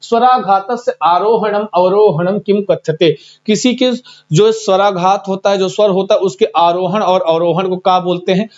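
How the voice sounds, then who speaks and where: A man's voice: high voice, moderate pace, darkish tone. A man teaching a live online exam-prep class, chatty and teasing, reading out students' answers. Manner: chatty, teasing, reads students' chat aloud. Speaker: Sanskrit teacher. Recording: dull lo-fi stream audio.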